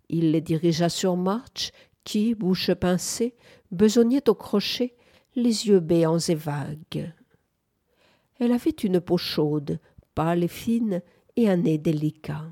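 Woman narrator, audiobook, slow measured reading, low-pitched, dark mellow tone.

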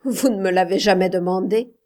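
A woman's voice: mid-range voice, steady tone, brisk, warm tone, lightly acted. A woman reading aloud voices a defiant wife who answers her husband's questions in curt, cold replies in a storybook reading.

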